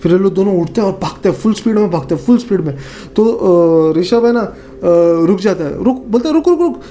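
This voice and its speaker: With a high, brisk voice, a Northeast Indian–accented man relates a horror story in an easygoing, animated manner. He mimics his friends' lines and leans heavily on fillers and repetition.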